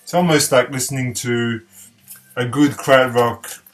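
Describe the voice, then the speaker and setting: A man's voice: mid-range voice, steady tone, unhurried, a little hiss or hum. A man from eastern France, reviewing records in a casual vlog, hesitant with many fillers, repeating his praise with enthusiasm. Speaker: record collector.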